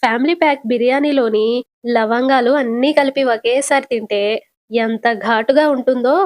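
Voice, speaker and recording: A woman's voice: a little high, moderate pace, natural voice. A woman voicing a wry young son who dryly teases his mother in a retold serial.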